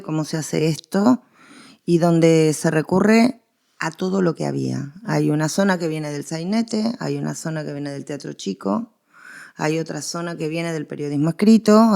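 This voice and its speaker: A woman with an Argentine accent, a lowish voice, vocal fry and a darkish tone is interviewed as a researcher of radio history. Conversationally, she explains her subject, driving points home through repetition and examples.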